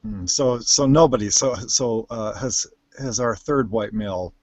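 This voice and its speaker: A man's voice: medium pitch, a little slow, a little mellow, no echo. A man chatting casually as co-host of a live stream, rambling with lots of restarts and fillers, recorded on a home computer mic. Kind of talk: casual chat.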